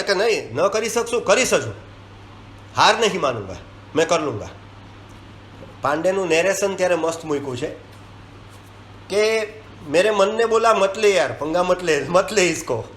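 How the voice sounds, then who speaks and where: A man reviewing a film, retelling its scenes in casual talk and acting out the lines. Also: fairly high pitch. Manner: animated storytelling, acting out dialogue lines. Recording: echoey room with faint ambient hiss.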